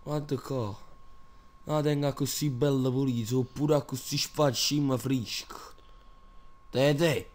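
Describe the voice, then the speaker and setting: A man's voice: mid-range voice, steady tone, slow, darkish tone, lightly acted. A man voicing a cocky, touchy gym braggart in a comic dub, with a Neapolitan accent and brash, sweary street slang. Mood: defensive bragging.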